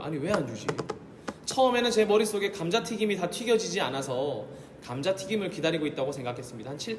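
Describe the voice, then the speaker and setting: High-voiced Korean pastor in an echoey hall. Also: male voice. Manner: storytelling, rising to emphatic exhortation. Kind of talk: sermon. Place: church sanctuary. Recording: echoey hall, faint rumble.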